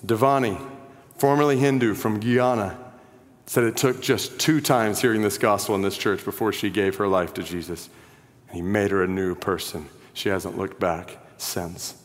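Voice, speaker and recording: A man preaching a sermon as a pastor, earnest, his voice dropping low and quiet at the ends of phrases and rising when he appeals to listeners. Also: fairly even intonation, normal speed. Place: church sanctuary. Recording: long reverb of a large hall.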